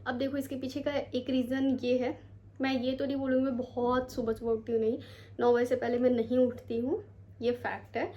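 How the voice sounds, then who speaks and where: A woman's voice: high voice, little pitch movement, moderate pace, muffled recording. A young woman from India chatting casually to her camera at home as a vlogger, rambling and mixing English words into her talk, tired and sore from a long day. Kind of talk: casual vlog chat to camera. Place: home, bedroom.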